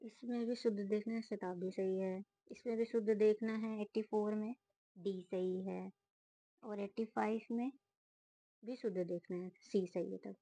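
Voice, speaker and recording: A woman working through a grammar test, reading each option aloud and giving quick verdicts. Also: mid-range voice, steady tone, dark tone, dry recording, poor audio. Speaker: student solving a test series. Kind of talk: casual spoken walkthrough of exam answers.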